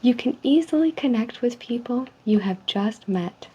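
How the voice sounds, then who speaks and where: A woman speaking softly in an ASMR role-play, reading survey statements in a polite, measured customer service manner. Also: fairly high pitch, lively intonation, husky. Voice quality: soft, hushed. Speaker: ASMR role-player as call center agent giving a personality survey. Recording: dull lo-fi sound with faint noise.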